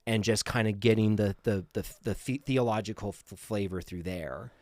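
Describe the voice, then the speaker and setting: Male guest, low voice, stop-start delivery, dry recording. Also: fairly even intonation, darkish tone, no room sound. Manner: halting, many restarts and fillers. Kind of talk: casual conversational interview.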